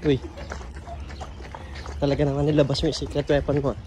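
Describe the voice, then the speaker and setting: Filipino guy doing a playful casual running vlog, outside w/ clear car and street noise. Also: medium pitch, monotone, brisk, mellow. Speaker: vlogger. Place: outdoors in a park. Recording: noisy outdoor recording with traffic. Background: vehicles, outdoor ambience.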